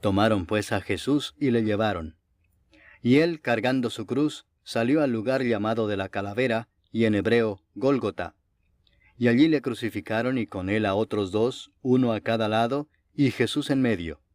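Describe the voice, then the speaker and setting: A man reading Bible narration in an even, steady way. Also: fairly low pitch, moderate pace, no room sound, clean studio sound. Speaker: Bible reader.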